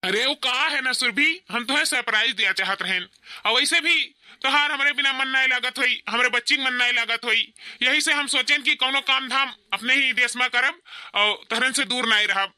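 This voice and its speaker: A man's voice: extremely high pitch, moderate pace, pushed and bright, heavily acted. A man voicing a homesick young husband in a cartoon, speaking with an Awadhi accent in a pleading, affectionate way. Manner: pleading, affectionate village speech. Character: homesick young husband back from abroad, doting. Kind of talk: home-made cartoon voice acting.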